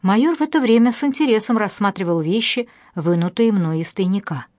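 A woman narrating a first-person audiobook in a wry, lively storytelling manner. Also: medium pitch, fairly quick, dry recording, studio quality.

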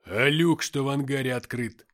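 A man voicing a gruff male squad commander who barks orders. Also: medium pitch, normal speed, fairly bright tone, voice pushed up, close to an everyday voice. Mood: commanding.

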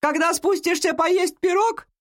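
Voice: medium pitch, moderate pace, lightly acted. A storybook narrator voicing a curious, eager boy. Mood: shouting back. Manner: eager, shouting back.

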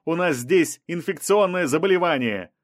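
A man voicing a male doctor urgently shouting warnings to leave. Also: medium pitch, lively intonation, moderate pace, no echo, clean studio sound, natural voice.

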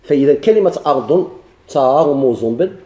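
A man with a Moroccan accent teaching Arabic grammar, slowing down to recite quoted verses and examples and giving letters and words their own speaking lines. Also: mid-range voice, animated, dark tone. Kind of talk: explaining a grammar text. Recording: echoey room.

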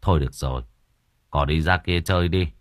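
A man voicing a gentle, hardworking young father who speaks softly and tenderly. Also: extremely low pitch, fairly quick, no room sound, studio quality, pitched below the performer's own voice. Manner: soft, tender and worried.

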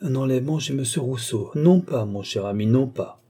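A man's voice: mid-range voice, animated, normal speed, dark tone, husky. Man reading as an emphatic fussy police chief. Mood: alarmed. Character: shrewd, fussy middle-aged male police chief.

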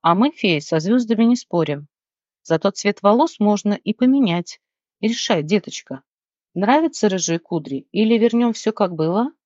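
A reader voicing a kindly, motherly high fairy who grumbles fondly at young people in a fantasy audiobook, recorded dry and somewhat dull. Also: animated, moderate pace, no room sound, lightly acted. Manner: grumbling but warm, calls others "child". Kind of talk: audiobook character reading.

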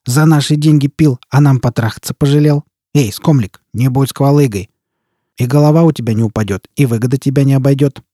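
A man's voice: medium pitch, fairly quick, dark tone, no room sound, studio quality, voice pushed up, close to an everyday voice. A man voicing a boisterous, coarse male bandit leader who mocks and bullies. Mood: swaggering.

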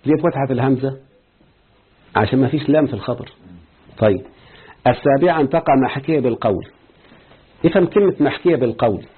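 A man with an Egyptian Arabic accent teaches a classroom grammar lesson in a husky, mid-pitched voice. He explains step by step, stops to quiz his students, and slows down to quote examples. The recording is thin and tinny, as if heard over a phone line.

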